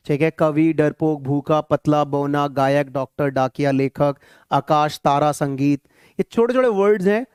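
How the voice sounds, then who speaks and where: A man's voice: sits high, darkish tone, clean tone, no room sound, clean studio sound. A man teaching spoken English online, encouraging his students and repeating points often. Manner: repetitive, encouraging teacher mixing Hindi and English.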